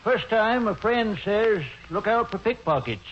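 Old rural New Englander, high voice, deadpan, terse, folksy, muffled vintage radio comedy. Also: male voice, unhurried. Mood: dry, deadpan. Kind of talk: 1940s radio comedy acting. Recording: muffled 1940s radio with hiss.

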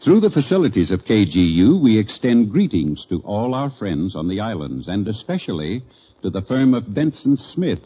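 Husky low old radio show announcer. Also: male voice. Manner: formal, courteous greeting read. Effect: old radio show broadcast. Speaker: network announcer. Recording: dull lo-fi old radio broadcast.

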